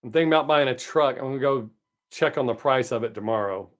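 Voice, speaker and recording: A medium-pitched man in his late fifties talks fast as he hosts a casual livestream, keeping an upbeat chat going with viewers and responding to them by name.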